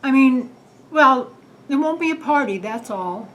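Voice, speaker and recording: A woman's voice: sits high, animated, unhurried, fairly bright tone, rough recording. A woman playing a dry, teasing older wife. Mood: dismissive. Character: wry long-married wife, blunt and teasing. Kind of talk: film drama acting.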